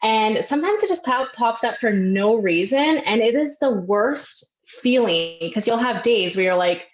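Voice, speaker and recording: A woman's voice: on the high side, expressive, unhurried. A woman with a cold chats candidly as a podcast guest and laughs easily. Her voice comes through a roomy, echoey space on dull, lo-fi audio. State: has a cold. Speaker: podcast guest, lash coach. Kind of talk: casual podcast chat.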